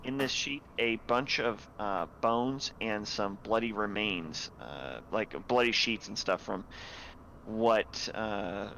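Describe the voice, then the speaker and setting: Young guy dm, bright voice, chill, lots of uhs, a bit of hiss behind. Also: lowish voice, slow, gravelly, low-quality recording. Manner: laid-back, hesitant with many fillers and chuckles. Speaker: dungeon master. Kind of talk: narrating a tabletop game.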